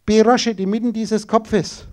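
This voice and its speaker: Man lecturing an audience, highish mellow voice, pushy rhetorical questions. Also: level tone, a little slow, slight background noise. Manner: emphatic, rhetorical, addresses listeners directly.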